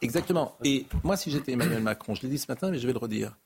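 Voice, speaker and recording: A man's voice: medium pitch, animated, racing, gravelly, darkish tone, slight background noise. A man hosting a TV debate show, speaking emphatically and with indignation, firing off rhetorical questions. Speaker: host.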